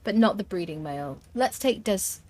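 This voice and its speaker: Streaming a survival game, a woman offers live commentary in a medium-pitched, darkish voice with lively intonation at a normal speed. She thinks out loud, uses fillers, and responds to comments from her viewers.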